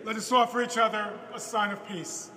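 A clergyman leading Mass in a measured, solemn recitation, heard in a large church with a cathedral echo. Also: high-pitched, little pitch movement. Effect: cathedral echo, long church reverb. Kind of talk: liturgical recitation. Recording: long church reverb, voice set back from the mic.

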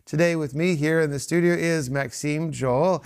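A man with a smooth, slightly high voice hosts a Bible study show in a studio, speaking at a moderate pace. Warm and affirming, he welcomes guests, leads prayer, and says amen often.

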